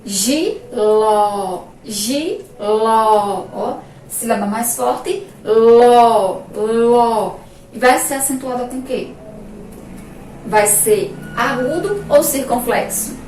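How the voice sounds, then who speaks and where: A Brazilian woman teacher giving a remote lesson to young children, drawing out each word slowly as she pronounces it. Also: a little high, lively intonation, slight background noise. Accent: Brazilian Portuguese. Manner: slow, drawn-out pronunciation of words for children. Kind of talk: remote primary-school lesson. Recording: echoey room, voice from a distance.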